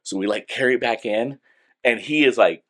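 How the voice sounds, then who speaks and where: A man co-hosting a podcast, telling childhood stories in a casual, animated way with lots of laughing and acted-out quotes. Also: medium pitch, moderate pace. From California. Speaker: podcast co-host. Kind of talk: casual storytelling chat.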